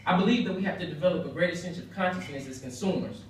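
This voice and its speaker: Rapid-fire and earnest, a young American man gives a prepared banquet speech in a very echoey room, picked up from far off over faint noise. His voice sits a little high, and he leans on emphasis and rhetorical repetition.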